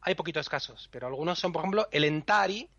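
A man's voice: fairly high pitch, fast, a bit bright, dry recording, lo-fi sound. A man patiently explaining pronunciation rules on a podcast, spelling out syllables one by one. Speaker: podcast co-host teaching Elvish pronunciation.

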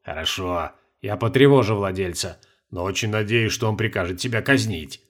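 A man doing a low, grumbling court mage. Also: normal speed, a bit bright. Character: gruff male court mage, grumbling and proud. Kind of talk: audiobook character voice.

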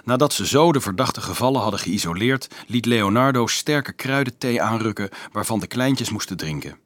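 A man reading a children's novel aloud as an audiobook narrator, in a steady storytelling manner. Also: lowish voice, normal speed, no room sound. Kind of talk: scripted narration.

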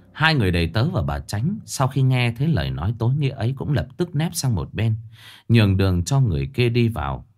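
A man narrating a scripted ghost story in a dramatic, expressive way. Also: mid-range voice.

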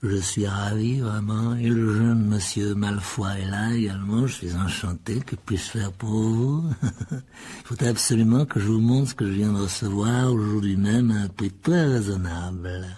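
A man reading an audiobook, voicing an oily, fawning middle-aged shopkeeper who draws out his words in a slow, unctuous way. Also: lowish voice, steady tone, mellow, husky. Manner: unctuous, drawn-out, swooping delivery.

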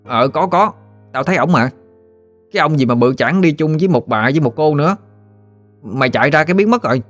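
A man's voice: on the high side, lively intonation, brisk, dry recording, soft background music, pitched above the performer's own voice, close to an everyday voice. A man doing clamoring little boys. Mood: insistent. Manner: clamoring, insistent. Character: group of eager little boys.

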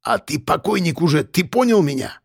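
A man's voice: a little high, lively intonation, brisk, vocal fry, slightly rough, no echo, studio quality, voice pushed up, full character voice. A man reading an audiobook, voicing a drunk, menacing man who barks his threats. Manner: menacing, barking.

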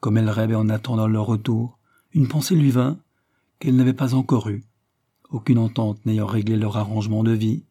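A man narrates a literary short story in an even, measured way. His voice is low, warm and somewhat husky, with no brightness. The recording is close and dry. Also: no echo. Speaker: audiobook narrator.

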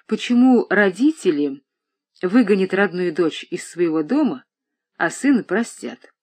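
A reader voicing a gentle, steady young daughter. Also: mid-range voice, measured pace. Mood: pleading. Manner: quiet, tender and steady. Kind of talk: audiobook reading.

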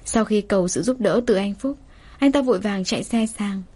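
A woman's voice: medium pitch, normal speed, mellow, breathy edge. Woman storyteller. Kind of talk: scripted story narration.

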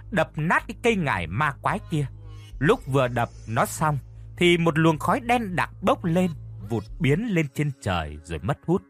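A man narrating a dramatic audiobook tale in an expressive storytelling manner. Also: breathy edge. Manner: expressive storytelling, lively pitch.

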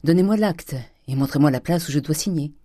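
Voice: mid-range voice, a little fast, mellow, dry recording, clean studio sound, close to an everyday voice. A reader voicing a meek, devoted young woman who speaks earnestly.

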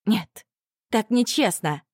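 A woman's voice: mid-range voice, lively intonation, takes it slowly, darkish tone, dry recording, voice pushed up. A woman reading an impulsive, stubborn young woman mage with a raised, eager voice in a dry recording. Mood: protesting. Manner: eager, protesting.

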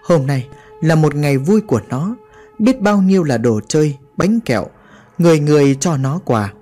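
A man's voice: a little high, expressive, moderate pace, mellow, faint music behind. A man narrating a horror story in a dramatic, vivid way.

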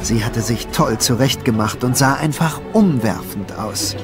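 A man narrating a children's storybook audiobook in an even, lively storytelling tone. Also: mid-range voice, unhurried. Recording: narration over film music.

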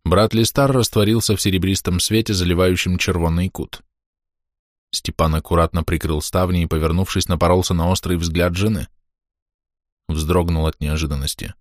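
A man narrating an audiobook in a steady, measured reading. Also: low-pitched, no echo, studio quality. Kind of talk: scripted narration.

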